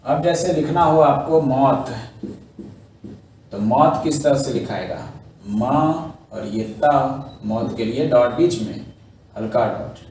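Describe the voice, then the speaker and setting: A man with a darkish, mid-range voice teaches an online shorthand class, speaking slowly and pausing often. He patiently explains every step and frequently checks on his students. The recording sounds echoey, with the mic placed far away.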